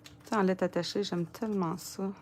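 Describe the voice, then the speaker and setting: A woman's voice: on the low side, steady tone, moderate pace, darkish tone, slight background noise. A woman with a Quebec French accent giving a casual crafting tutorial, chatting and muttering to herself as she works. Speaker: papercraft demonstrator.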